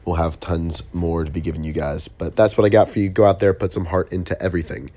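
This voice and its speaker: Low-voiced man with a stuffy, congested nose. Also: flat delivery, fast, mellow. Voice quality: nasal, congested from a blocked nose. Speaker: host, relationship coach. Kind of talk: casual motivational monologue.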